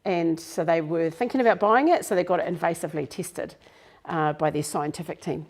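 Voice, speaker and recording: A woman's voice: fairly low pitch, a little fast, darkish tone. A middle-aged woman, a business coach giving a live workshop talk to a group in a room, chatty and self-deprecating.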